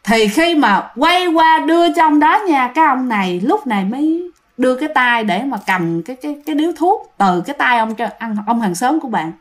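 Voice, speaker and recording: Telling ghost stories to her listeners, this woman is chatty and often addresses them directly. She has a high, expressive voice and speaks briskly with few pauses.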